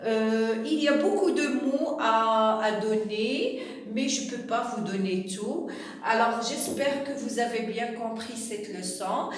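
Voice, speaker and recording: A woman teaching a primary school class, who explains slowly with examples and checks in with her pupils. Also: on the high side, distant mic. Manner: slow, explains with examples and asks "D'accord?". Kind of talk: recorded classroom lesson. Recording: echoey room, voice from away from the mic.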